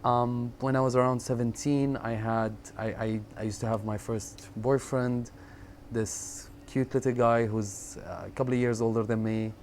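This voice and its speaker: A man in his thirties from Syria speaks in a reflective, halting way, often repeating words and pausing on fillers as he recalls his life. His voice sits at a middle pitch for a man. A faint background noise stays under the recording. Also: little pitch movement, a little mellow. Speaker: interviewee. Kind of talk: personal storytelling in conversation.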